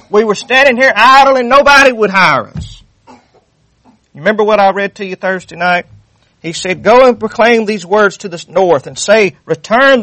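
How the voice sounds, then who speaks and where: Man preaching, high voice, fervent, repeats lines, dry sound. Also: pushed and bright, no echo. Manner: fervent, repeats phrases, reads scripture aloud. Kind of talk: sermon.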